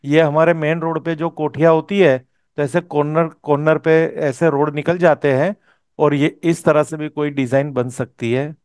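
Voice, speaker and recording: A vastu teacher leads a course, explaining step by step and often asking "okay?" to check his student follows. His voice is a little high, fairly even in intonation, at a moderate pace, darkish and smooth, in an echo-free, studio-quality recording.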